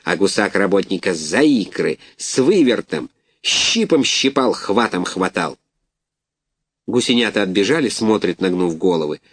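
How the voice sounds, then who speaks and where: A man narrating a children's story in an animated, expressive reading. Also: low voice, unhurried, breathy edge, no echo, clean studio sound.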